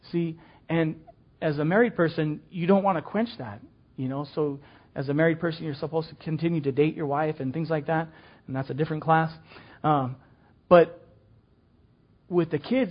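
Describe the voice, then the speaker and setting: A man's voice: on the high side, husky, highs cut off. An older man teaching a children's ministry class in a casual, folksy way, full of fillers and restarts.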